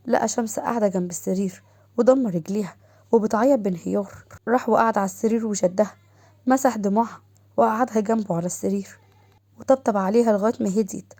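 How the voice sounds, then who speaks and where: A woman with an Egyptian accent narrating a story in a brisk storytelling manner. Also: medium pitch, dark tone, no room sound.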